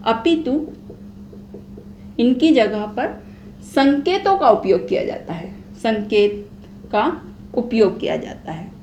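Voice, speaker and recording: A woman's voice: fairly high pitch, big pitch swings, slow, pauses often, warm tone, slight background noise. A young woman teaching Hindi grammar, repeating key phrases and asking and answering her own questions. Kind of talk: whiteboard lesson explaining grammar.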